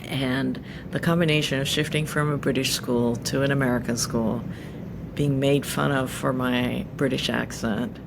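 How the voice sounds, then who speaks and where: A woman's voice: extremely low pitch, steady tone, vocal fry. Japan-born woman, thoughtful guest, noisy line. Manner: thoughtful, pausing with fillers. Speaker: podcast guest. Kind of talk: conversational interview answers.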